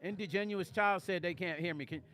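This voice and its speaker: A man's voice: high voice, brisk, fairly bright tone, soft background music. An older man hosting a casual livestream, talking emotionally and rambling to viewers on a close studio mic. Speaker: vlog host.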